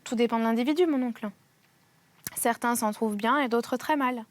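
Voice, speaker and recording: A woman reading the part of an earnest, self-assured young man in a storybook reading, explaining calmly. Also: on the high side, moderate pace, close to an everyday voice.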